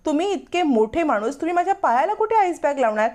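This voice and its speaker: A woman narrator puts on a coy young woman who fakes an injured foot. She pleads in a sweet, higher voice and talks quickly, as in a spoken recap of a television serial. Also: very animated, a little mellow. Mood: coy pleading. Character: young woman guest faking a hurt foot.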